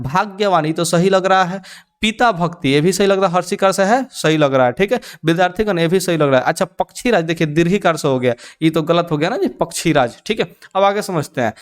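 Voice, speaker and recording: A young male teacher runs a chatty exam-prep lesson. He fires questions back at his students to repeat the answer and slips in playful dialect asides. His voice sits a little high and comes across smooth and clear. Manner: call-and-response questioning with "kya ho jayega ji?".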